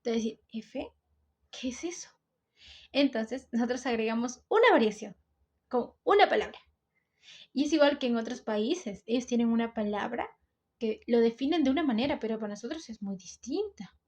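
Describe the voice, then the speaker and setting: A woman's voice: on the high side, lively intonation, fairly quick, a little mellow. A teenage girl with a Peruvian coastal accent, explaining a school topic step by step in a video. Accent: Peruvian coastal Spanish. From Peru. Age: teens. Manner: explains step by step, often says "entonces". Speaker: student presenter.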